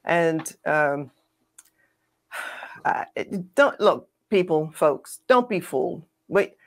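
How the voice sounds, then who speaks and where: A woman's voice: low voice, expressive, drawn-out words. Sarcastic, emphatic woman commentator. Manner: emphatic, sarcastic, addresses the audience directly. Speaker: co-host of a political commentary show. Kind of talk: opinionated political commentary.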